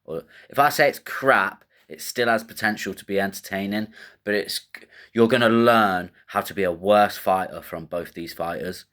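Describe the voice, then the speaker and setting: A man with a lowish voice runs through fight picks and betting odds in a loose, rambling style. He thinks out loud, drops slang and swears casually as he goes. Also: normal speed. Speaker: host of a fight betting show.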